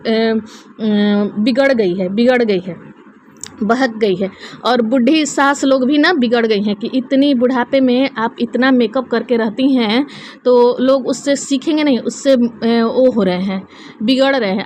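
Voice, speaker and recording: A woman with a somewhat high voice talks through a reaction video in a loose, chatty way. She scolds as she goes and often stalls on fillers and restarts. A faint hiss of noise sits under her voice. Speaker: reaction vlogger. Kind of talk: casual critical commentary.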